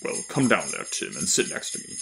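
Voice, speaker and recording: A man voicing a big, jovial old Santa Claus in a storybook, with a loud, hearty, booming voice. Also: huge pitch swings, brisk, creaky, soft background music, full character voice, rough recording. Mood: jovial, kindly.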